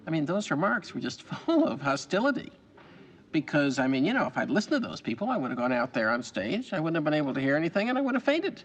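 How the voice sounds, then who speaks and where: An actor playing a wry, anxious middle-aged stage actor, telling rambling, self-mocking stories in film dialogue. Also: male voice, a little high, very animated, quick pace.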